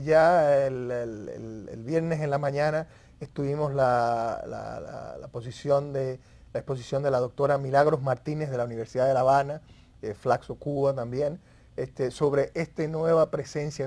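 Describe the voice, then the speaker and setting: A man speaking as an expert guest in an interview, haltingly, repeating words as he searches for phrasing. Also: medium pitch, a little mellow. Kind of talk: conversational panel recap in an interview.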